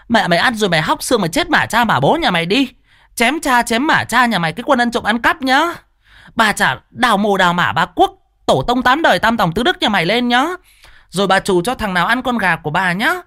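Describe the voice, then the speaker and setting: A man voicing a shrill, foul-mouthed middle-aged village woman in a spoken ghost story, hurling a screeching string of curses. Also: bright, forceful tone, full character voice.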